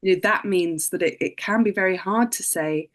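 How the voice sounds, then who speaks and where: A woman's voice: mid-range voice, moderate pace. A woman author on a panel, speaking thoughtfully with many "you know" and "kind of" fillers. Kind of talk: panel discussion.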